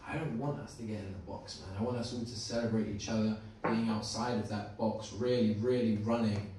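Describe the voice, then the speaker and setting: Male, 20s, lowish voice, open mic speaker with stage fright, informal and rambling, recorded in a very reverberant room. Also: steady tone, a little fast, mellow. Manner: informal, rambling, earnest with swearing. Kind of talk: live spoken piece to an audience. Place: small indoor open mic venue. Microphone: handheld mic, filmed by phone from audience. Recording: echoey room from far off, faint noise.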